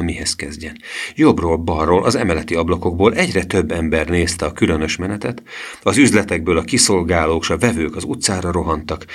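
Deep-voiced man reading a storybook. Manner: expressive reading with lively voice swings. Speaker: audiobook narrator. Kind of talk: scripted storybook narration.

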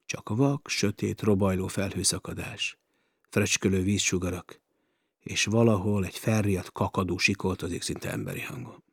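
A male narrator reading an adventure novel with dramatic storytelling. His low, husky voice sits close and dry, with no room around it. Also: steady tone, dry recording. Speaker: audiobook narrator. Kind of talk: scripted narration.

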